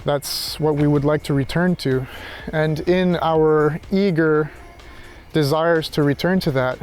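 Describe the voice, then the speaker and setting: A philosophy vlogger with a somewhat high, darkish voice speaks unhurriedly over soft background music. His reflective monologue is unscripted, hesitant and searching, and he keeps circling back over his own phrases.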